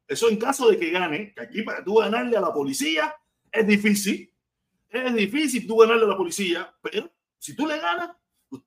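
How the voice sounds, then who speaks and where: A man with a Cuban accent, streaming live and delivering a blunt, mocking, repetitive rant. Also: high-pitched. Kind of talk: casual live-stream commentary.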